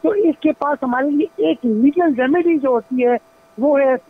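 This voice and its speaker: Man, legal analyst, calling in over the phone, tinny phone-line sound, slow deliberate speech. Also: extremely high pitch, slight background noise. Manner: deliberate, slips into English legal terms. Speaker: senior advocate, legal analyst. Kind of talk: phone-in interview. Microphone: telephone.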